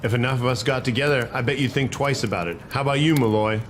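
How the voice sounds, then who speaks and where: A man with a mid-range, everyday-sounding voice speaks fast over slight background noise. In a historical drama he plays a principled, stubborn cavalry private, arguing indignantly in folksy frontier speech.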